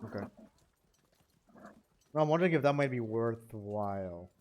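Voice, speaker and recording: A man playing a tabletop game, eager and full of questions, with quick restarts. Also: mid-range voice, expressive, darkish tone, a little hiss or hum. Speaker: player.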